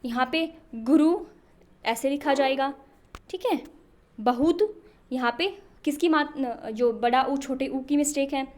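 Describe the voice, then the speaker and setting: Speaking slowly, a young woman with a high but darkish voice runs a Hindi spelling lesson aimed at exam preparation. Her style is repetitive questioning, answering each of her own questions.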